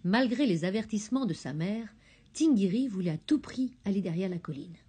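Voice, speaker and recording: A woman narrating a children's storybook, expressive and gentle. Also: medium pitch, brisk, husky.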